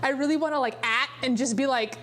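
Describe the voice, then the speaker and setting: A woman's voice: sits high, fast talker, fairly bright tone. A woman livestreamer chatting casually while exercising, winded, giggly and often breaking off to restart her sentences. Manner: giggly, hesitant, self-interrupting. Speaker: livestreamer and VTuber.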